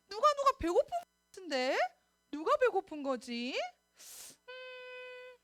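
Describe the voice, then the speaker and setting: A woman, a children's pastor, telling a Bible story in a sermon for little children, animated and asking them questions. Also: extremely high pitch, slow, faint music behind. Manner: animated, sing-song, asks the children questions.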